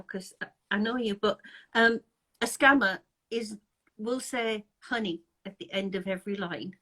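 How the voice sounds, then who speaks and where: Here the anti-scam group host, a woman from England, has a fairly high, slightly bright voice. She conducts a casual video-call interview in live-chat style, chatty, often laughing, frequently starting her sentences over.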